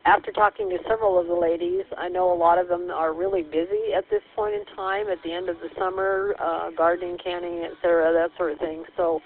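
A woman's voice: on the low side, expressive, a little fast, gravelly, few pauses. Woman running a walkie-talkie radio check. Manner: procedural radio talk with call signs and "copy that". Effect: heard over a walkie-talkie radio. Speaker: net control for a ladies' radio check. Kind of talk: radio net check-in chat. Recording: tinny two-way radio with faint hiss.

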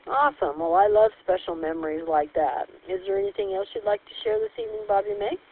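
A woman hosting a radio net check-in, heard over a two-way radio, speaking in a friendly, measured way with hesitant fillers. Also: medium pitch, big pitch swings, gravelly. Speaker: net control host. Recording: tinny two-way radio with faint static.

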